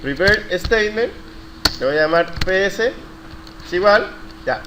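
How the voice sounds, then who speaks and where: With a high, animated voice and a measured pace, a university lecturer questions students during a live coding class and praises their answers. The recording picks up plenty of classroom noise.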